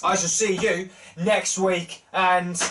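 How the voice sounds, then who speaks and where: A man in his thirties hosting a casual wrestling news show to camera, upbeat and chatty, with big jumps in pitch for emphasis. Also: little pitch movement, slow pace, background noise. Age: 30s. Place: small wood-panelled room full of wrestling posters. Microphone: webcam close up, then wide desk camera.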